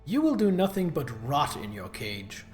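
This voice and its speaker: A man's voice: on the high side, very animated, normal speed, darkish tone, faint music behind. A man voicing a wronged young noblewoman leader from a video game, earnest, stern and resolute. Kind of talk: reading video game dialogue aloud.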